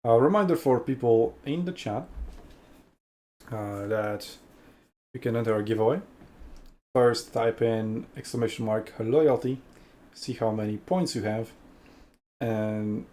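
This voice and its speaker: A man calling a strategy game tournament like a casual chat with a co-caster. He jokes and rambles, with plenty of fillers. His voice sits at an ordinary middle pitch. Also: unhurried, pauses often, mellow. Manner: chatty, jokey, rambling with fillers. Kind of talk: casual esports commentary.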